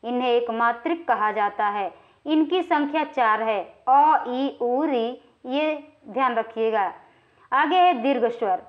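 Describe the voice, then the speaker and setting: High-voiced woman teaching grammar. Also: slow pace. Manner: explanatory, frequently checks in with "ठीक है" and draws vowels out when naming sounds. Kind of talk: exam-prep lecture, reading and explaining quiz questions. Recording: slightly dull, lo-fi recording.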